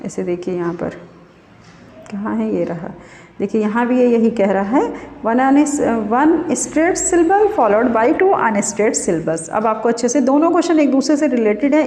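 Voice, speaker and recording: A woman teaches an exam-prep literature lesson in a fairly high voice. She poses each question to her students and then answers it herself. The room is echoey, with a long reverb trailing behind her. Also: dark tone. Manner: explains by asking and answering her own questions.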